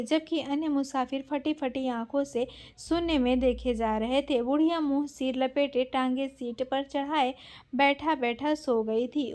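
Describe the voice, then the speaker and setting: A woman narrating a literary short story in a measured, expressive reading. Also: high-pitched.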